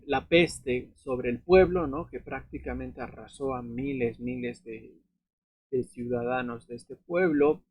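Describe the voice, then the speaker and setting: A man with a husky, slightly worn, mid-range voice gives an unscripted Bible lesson in a relaxed, explanatory manner, pausing on fillers and checking in with tag questions. The phone-quality sound is close and dry, without room echo.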